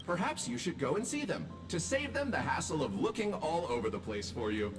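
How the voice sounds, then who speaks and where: Courteous robot bartender, formal game character, slightly high voice, very lively pitch. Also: male voice, fairly quick, over music. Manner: courteous, formal, tells corny jokes. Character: polite male robot drinksmith serving on a train. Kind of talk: video game voice acting.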